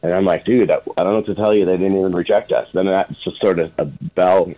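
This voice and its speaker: A man's voice: sits low, steady tone, quick pace. A middle-aged man telling anecdotes casually as an interview guest, informally acting out bits of remembered dialogue. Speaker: interview guest, film producer. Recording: phone-like, band-limited radio sound.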